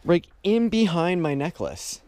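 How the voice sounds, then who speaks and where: Dude bantering in a studio, swearing and laughing, voice jumps around a lot. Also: male voice, sits high, sing-song, unhurried, a little mellow. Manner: joking, laughs often, swears casually. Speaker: vlogger. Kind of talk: casual chat. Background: music playing.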